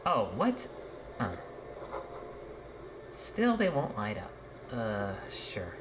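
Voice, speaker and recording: A woman's voice: a bass voice, huge pitch swings, extremely slow, noisy background. A woman streamer casually thinking aloud and reacting while playing a game, swearing now and then. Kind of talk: casual game let's-play commentary.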